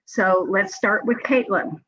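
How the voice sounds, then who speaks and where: A woman's voice: medium pitch, takes it slowly, fairly bright tone. A woman introducing panelists one by one over a video call, in a businesslike manner. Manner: brief, businesslike hand-offs. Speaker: program manager chairing a grant panel. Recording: dull lo-fi video call audio.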